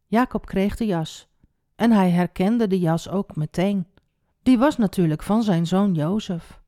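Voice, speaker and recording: A woman telling a Bible story to children, expressive and speaking directly to the young listener. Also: mid-range voice, unhurried, dry recording, studio quality.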